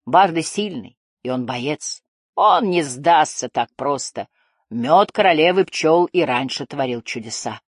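Gentle steady man read by a woman, storybook dialogue, deep and dry. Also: measured pace, slightly rough, no echo, exaggerated voice. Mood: reassuring.

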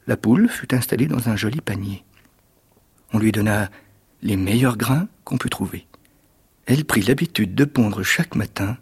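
A man, an actor, reading a fairy tale aloud in measured, expressive storytelling narration. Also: on the low side, gravelly, breathy edge.

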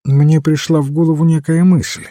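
A man's voice: on the high side, level tone, normal speed, warm tone, no echo, clean studio sound, pitched above the performer's own voice, natural voice. A man voicing a mild, earnest little priest detective in a storybook reading, eager and lifting his voice.

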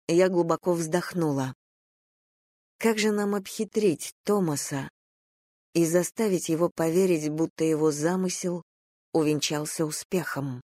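A woman narrating a first-person fantasy audiobook in a measured, even storytelling delivery. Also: low-pitched, no echo, studio quality.

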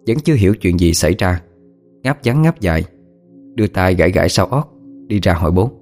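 A man narrating a story as an audiobook reader, steady and expressive. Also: sits low, fairly quick, soft background music.

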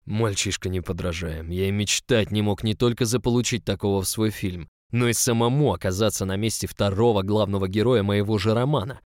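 Guy reading as a big norwegian writer boss, low commanding voice, dry close sound. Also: brisk, hardly any pauses, darkish tone, no room sound, lightly acted. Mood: brooding. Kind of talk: audiobook character reading.

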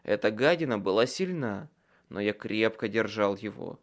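A man's voice: on the low side, animated, normal speed. A man reading a first-person audiobook with tense, dramatic storytelling. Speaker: audiobook narrator.

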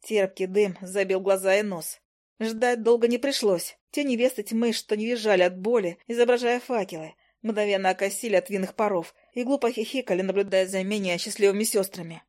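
Russian woman narrating a lively fantasy audiobook. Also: medium pitch, a little fast. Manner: lively, expressive reading with shouted quotes.

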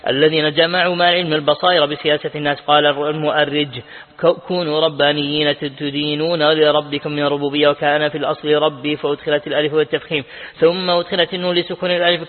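A man, a sheikh, reads aloud from a classical Quran commentary and explains it, restarting words as he goes. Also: on the high side. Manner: rapid, flat recitation with self-corrections. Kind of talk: fast classical Arabic text reading. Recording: tinny lo-fi audio in a reverberant hall.

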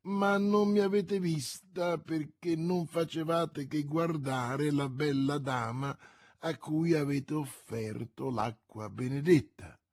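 A man's voice: fairly high pitch, slow pace, darkish tone, dry recording, clean studio sound. A man voicing a lovesick, stingy lawyer's wife who speaks in a plaintive, pleading way. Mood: coy.

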